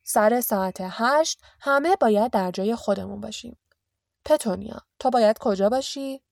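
A bossy, blustering middle-aged husband barks orders at his household, as a woman reading the story puts him on. The voice sits rather high and lands dry and close. Commanding, never gentle. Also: creaky, dry recording.

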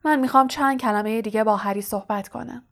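A kindly old wizard headmaster speaks calmly and softly, as a woman reading the story gives him voice. His voice sits fairly high, with a gentle, amused warmth of tone in an audiobook reading. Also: creaky. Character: wise elderly male headmaster, gentle and kindly.

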